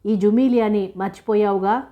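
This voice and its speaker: A woman's voice: mid-range voice, fairly even intonation, moderate pace, highs cut off, close to an everyday voice. A woman voicing a feverish, jealous young woman who speaks reproachfully. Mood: bitter. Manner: reproachful, accusing.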